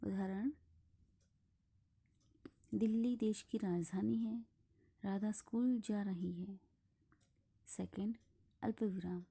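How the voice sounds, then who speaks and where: Slow, husky woman teacher, half-whispered. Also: mid-range voice, dark tone. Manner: slow, deliberate explanation with frequent breathy, half-whispered phrases. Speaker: school teacher. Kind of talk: classroom grammar lesson.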